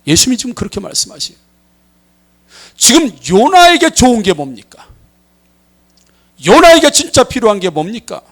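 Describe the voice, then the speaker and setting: A male pastor delivers a sermon in a high voice whose pitch leaps and dips all over. He preaches dramatically, acting out quoted voices and swinging from loud to hushed. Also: big pitch swings, moderate pace, pauses often.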